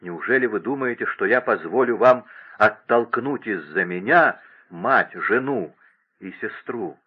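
A man's voice: lowish voice, expressive, measured pace, slightly rough, phone-quality sound. A man reading a tearful, pleading young court lady. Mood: anguished. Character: young grief-stricken gentle court lady.

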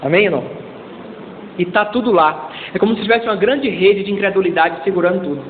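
A male pastor preaching a sermon in a lively, joking way, calling out to the congregation for responses. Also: high voice, brisk, slight background noise. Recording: echoey church hall over a tinny lo-fi line.

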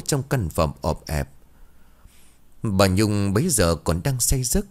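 A man narrating a horror story in a scripted, dramatic, expressive way. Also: sits low.

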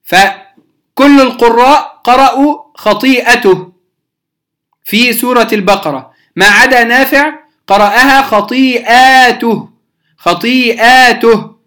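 A teacher giving a beginner lesson on Quranic readings, patiently repeating key terms, pausing with the odd hesitation and often asking whether it is clear. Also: medium pitch, fairly bright tone. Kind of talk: beginner lesson explaining rules.

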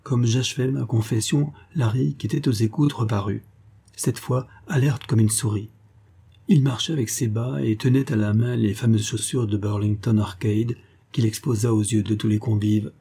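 A man narrates an old comic tale as an audiobook. His voice sits low and sounds soft and slightly husky. He lifts his pitch for the quoted lines of the characters. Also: fairly even intonation, normal speed. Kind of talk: audiobook reading of a classic story.

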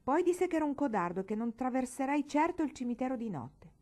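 A proud young boy grumbles about his grievances in an aggrieved, complaining tone, as a woman reading a storybook puts him on. The voice stays mellow and soft-edged. He sounds hurt and indignant. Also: high voice, big pitch swings, fast talker, voice pushed up.

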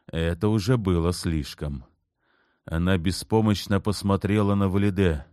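A man's voice: low-pitched, normal speed, a little mellow, no echo, clean studio sound. A man narrating a historical novel as an audiobook, reading dramatically and expressively.

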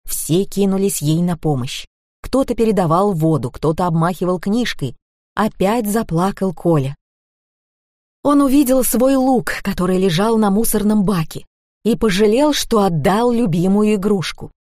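A woman narrating an audiobook in a lively, expressive reading. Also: mid-range voice, moderate pace, no echo, clean studio sound.

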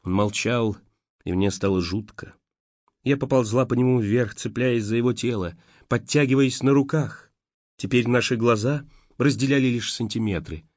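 A man narrating an audiobook in a steady storytelling manner. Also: medium pitch, moderate pace, no echo. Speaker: audiobook reader. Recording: dull lo-fi dry recording.

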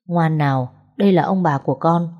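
A woman's voice: low-pitched, brisk, dull audio. A woman reading the lines of a young bachelor who jokes with his parents and soothes a child. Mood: easygoing. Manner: casual, joking. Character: young single man, easygoing and teasing.

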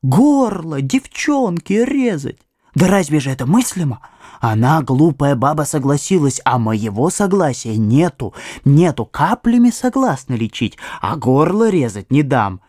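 A man voicing a stubborn old peasant grandmother who whines and pleads in a high voice. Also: sing-song, a little slow, darkish tone, no room sound, clean studio sound. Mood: whining. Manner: whining, pleading.

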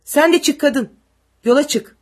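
A woman voicing a brutal tall male soldier who barks threats and orders, with a husky voice. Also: mid-range voice, animated, moderate pace, a little mellow. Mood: barking threats.

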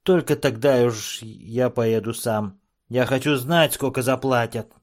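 A man voicing a whining little male dwarf gun trader who trembles with cold and talks in a shrill, bleating way, in an audiobook. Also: a little slow, close to an everyday voice. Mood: scheming, shivering. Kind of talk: audiobook character voice.

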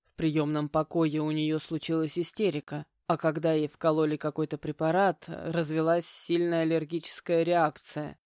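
A woman's voice: low-pitched, level tone, normal speed, hardly any pauses, darkish tone, clean tone, no room sound, studio quality, close to an everyday voice. A woman reading an audiobook voices a stern, grumbling middle-aged stepfather who speaks curtly. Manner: grumbling, curt, commanding. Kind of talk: audiobook character voicing.

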